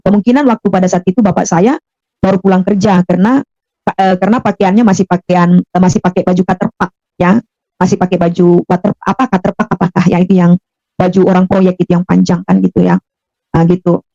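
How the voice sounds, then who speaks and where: A woman's voice: on the low side, steady tone, a little fast, dark tone, no echo, lo-fi sound, soft background music. A woman from Makassar telling her personal testimony, acting out quoted dialogue and repeating phrases as she goes. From Makassar, Indonesia. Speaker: testimony speaker.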